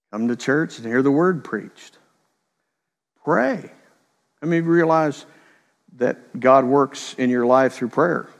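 A middle-aged man preaching a sermon, telling stories in a conversational way and slipping into quick voiced quotes. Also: medium pitch, big-room sound. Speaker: pastor.

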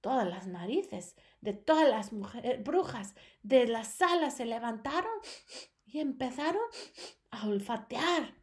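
A woman teacher reading a storybook aloud to her students. Her high voice moves with lively, wide expression. She narrates dramatically. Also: slow.

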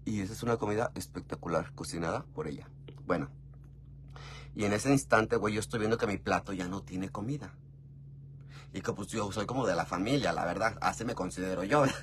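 This Mexican vlogger tells a story in a brisk, gossipy, chatty style, frequently addressing the listener as "mi amor." His fairly low voice shoots up in pitch and loudness when he gets excited, making his delivery highly expressive. A faint hum sits beneath it all.

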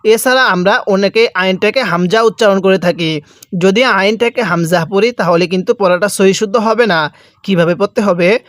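A man teaching Quran reading, drawing out each recited phrase slowly and then explaining pronunciation in plain speech, with a Bangladeshi Bengali accent. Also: high-pitched, fairly bright tone, no echo, studio quality. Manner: drawn-out chanted recitation between plain explanations. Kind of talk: slow recitation lesson with repeat-after-me drills.

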